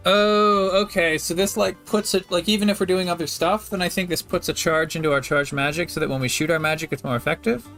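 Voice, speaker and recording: A man giving casual game commentary, thinking aloud and reading menus in a low-key way. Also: fairly even intonation, fairly quick, hardly any pauses, fairly bright tone. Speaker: gamer. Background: game music with plucked guitar.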